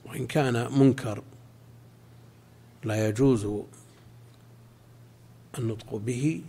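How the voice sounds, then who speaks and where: A man teaching a class as a religious scholar, explaining a legal text in a measured way and answering students' questions. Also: medium pitch, creaky, mellow, husky.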